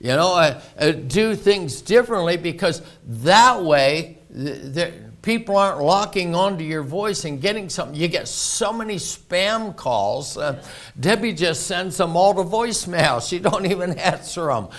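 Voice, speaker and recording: A man's voice: high voice, expressive, a little slow. A man preaching a folksy sermon full of anecdotes. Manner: folksy, anecdotal, laughs often. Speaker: pastor.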